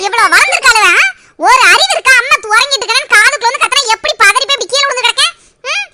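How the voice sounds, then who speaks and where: A woman voicing a short-tempered village mother in a cartoon, shouting and scolding with a Tirunelveli Tamil accent. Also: very high voice, brisk, heavy background noise. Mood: angry. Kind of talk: cartoon voice acting.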